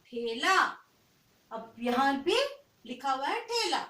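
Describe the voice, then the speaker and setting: A woman teaching young children, spelling out letters slowly and asking them patient questions. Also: sits high, big pitch swings. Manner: slow, sing-song spelling out of letters. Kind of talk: children's language lesson. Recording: echoey room, mic at a distance.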